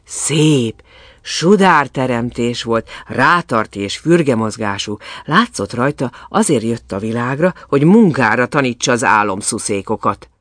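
A man reading a fairy tale aloud in an expressive, storytelling manner. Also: medium pitch, no echo, studio quality.

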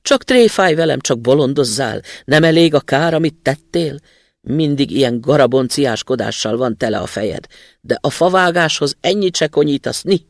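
Grouchy old woodcutter, raised gravelly voice, lively scolding, read by a man. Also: mid-range voice, no room sound, studio quality, heavily acted. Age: older.

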